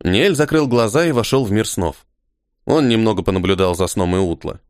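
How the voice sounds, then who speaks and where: A man narrating an audiobook with an expressive, varied reading. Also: on the low side, moderate pace, dry recording, clean studio sound. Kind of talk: scripted narration.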